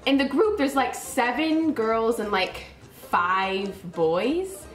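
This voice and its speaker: A woman with a medium-pitched voice, heard with reverb, tells a personal anecdote in a casual, animated way. She acts out the reactions she remembers as the story unfolds.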